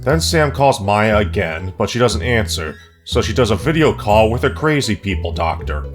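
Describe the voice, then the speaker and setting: A man narrating a comedic movie review in a sarcastic, profane, deadpan way. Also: lowish voice, moderate pace, faint music behind. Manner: snarky, profane, deadpan jokes.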